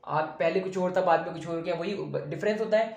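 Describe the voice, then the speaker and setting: A man's voice: high-pitched, steady tone, quick pace, lo-fi sound. A male teacher giving a blackboard science lesson, asking the class questions, answering them himself, and patiently repeating each point. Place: room with a board he writes on and erases. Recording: echoey room.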